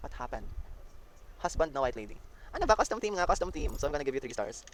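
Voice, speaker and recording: Excitable Filipino man with a lively, raised voice. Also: fairly high pitch, very fast, slight background noise. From Philippines. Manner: excitable and dramatic, mixes English and Tagalog. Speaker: gaming content creator. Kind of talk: live gameplay commentary.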